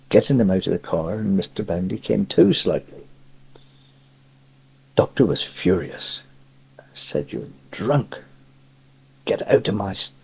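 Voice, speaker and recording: This older storyteller, Cornish-accented, chuckles through a wandering tale about local happenings, recorded on an aged cassette. His voice runs low, creaky and darkish with a slight roughness, over a rough recording.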